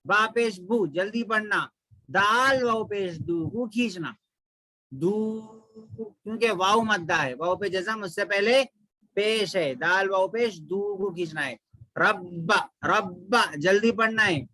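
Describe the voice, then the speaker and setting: A man teaching Quran recitation with a Pakistani Urdu accent, chanting verses slowly and then explaining them briskly, asking questions and answering them himself. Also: high-pitched, bright, forceful tone, no room sound, low-quality recording. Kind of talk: recitation lesson.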